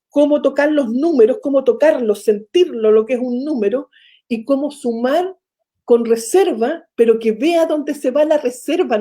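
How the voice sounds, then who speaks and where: A middle-aged Chilean woman, a foundation founder and mother, telling her story in an interview and acting out the dialogue she quotes. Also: high-pitched. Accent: Chilean Spanish. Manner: animated, acts out quoted dialogue.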